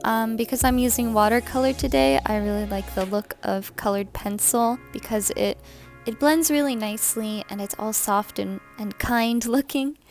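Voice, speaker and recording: Over soft background music, a young woman who makes art vlogs chats about her drawing in a loose, rambling voice-over full of fillers and small laughs. She speaks at a moderate pace in a fairly high voice.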